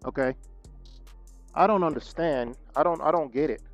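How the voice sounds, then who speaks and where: A man's voice: on the high side, normal speed, faint music behind. A man venting in a vlog, indignant, repeating himself and stuttering as he rants about being shut out. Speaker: vlogger. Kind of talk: frustrated talking-head vlog rant.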